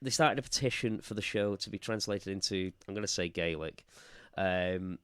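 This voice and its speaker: A man's voice: low voice, normal speed, clear, resonant tone, no room sound, clean studio sound. A man co-hosting a podcast in casual chat, chatty and self-deprecating. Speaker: podcast co-host.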